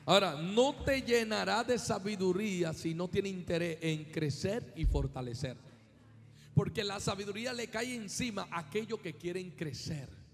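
A man from Colombia preaching a sermon as pastor, swinging from hushed asides to shouted, sung-out climaxes. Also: high voice, normal speed, big-room sound.

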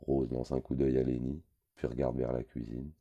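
A man narrates a novel in the first person with an extremely low, dark voice. His reading is wry and conversational, like telling a story across a table. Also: flat delivery, normal speed, vocal fry, slightly rough, highs cut off. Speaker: audiobook reader.

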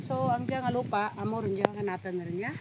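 A woman's voice: mid-range voice, fairly quick, a crowd in the background, low-quality recording. A woman vlogger chatting casually with her viewers as she walks around a dry farm. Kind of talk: casual vlog commentary. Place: outdoors on a dry rural farm. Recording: loud outdoor background noise.

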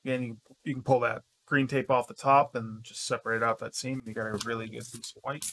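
A man chats casually through a box of craft scraps, calling out colors and sizes in an easygoing way. His voice sits in an ordinary middle pitch. A faint hiss runs under the room recording. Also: fairly quick. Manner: relaxed, names colors as he sorts. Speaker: crafting channel co-host. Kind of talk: casual unboxing chat.

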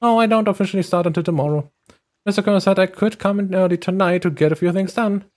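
A man voicing an eager, newly hired woman nanny, chirpy and keen to please, pitched well above his own voice. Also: quick pace, darkish tone, close to an everyday voice.

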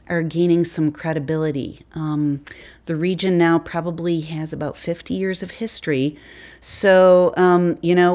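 Low-voiced woman explaining her winery. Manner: relaxed, conversational, frequent fillers. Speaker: winery wine specialist. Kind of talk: sit-down interview answers. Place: indoor winery tasting room.

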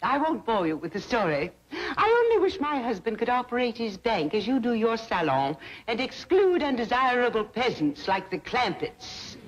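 High-pitched, swooping grande dame. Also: female voice, sing-song, normal speed. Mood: gushing, disdainful. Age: middle-aged. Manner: grande dame, haughty and gushing. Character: snobbish, gushing middle-aged society matron. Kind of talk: 1960s television sitcom acting. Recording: dull, noisy old television soundtrack.

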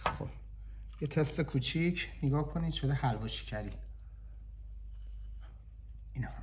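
Talking straight to his audience through a lapel mic, this chef keeps his kitchen cooking vlog casual and jokey. He has a fairly high voice, and the recording carries a faint hiss or hum.

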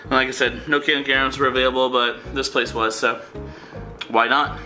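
His medium-pitched voice is bright and forceful but fairly flat, at a normal speed, with soft background music and poor audio. He's a man in his thirties from southern California doing casual, filler-heavy vlog narration for travel, filmed handheld at arm's length outdoors, in a hotel room, and in a parked van.

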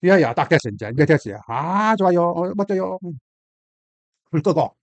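A man's voice: high voice, expressive, normal speed, dry recording. A middle-aged man with a Gyeongsang Korean accent, hosting a casual cooking vlog, chatty and exclaiming, laughing often as he talks to viewers. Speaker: cooking channel host. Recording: dull lo-fi dry sound.

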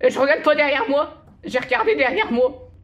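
A woman's voice: high-pitched, expressive, a little fast, fairly bright tone, lo-fi sound. A woman commenting on a horror game as she plays, jumpy and exclamatory, often laughing through nervous reactions. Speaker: gaming video host.

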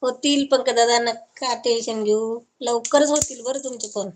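A woman's voice: a little high, fairly even intonation, a little slow, noisy background. A woman from Maharashtra chatting casually on a live stream, reading viewer comments aloud and answering each viewer affectionately.

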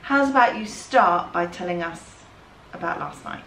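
An English-accented woman in her thirties, a family vlogger, chats warmly and casually with her kids around the house and garden. Her lowish voice is animated, a bit bright, and moves at a normal speed. The camera microphone picks up noisy handheld home audio.

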